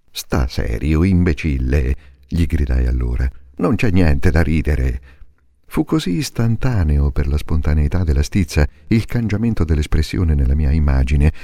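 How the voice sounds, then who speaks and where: A man reads literary prose aloud in a very low, dark, gravelly voice. His delivery is measured and intense, with a lively, swooping melody and occasional drops to a hush. The recording is dry and close. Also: dry recording. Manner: slow, measured and intense, with hushed passages. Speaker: reader. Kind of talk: dramatic literary reading.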